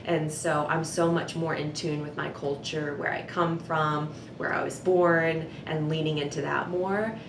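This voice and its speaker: Speaking steadily and unhurried with few pauses, a young communications director from the United States reflects earnestly on her own stories to camera. Vietnamese is her first language, her voice is notably low, and "like" and "um" pepper her speech. An echoey room and a low background rumble surround her.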